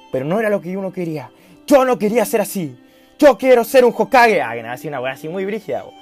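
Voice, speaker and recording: A man's voice: medium pitch, darkish tone. A late-teen man with a Chilean accent telling a rambling, self-mocking story in a casual vlog, slangy and acting out the dialogue. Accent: Chilean Spanish. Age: late teens. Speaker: vlogger.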